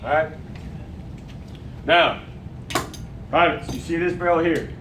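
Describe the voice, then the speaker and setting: A man's voice: on the high side, slow. A man instructing army recruits as a drill sergeant, profane and commanding, firing questions at them in call-and-response. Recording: roomy, distant mic, noisy room.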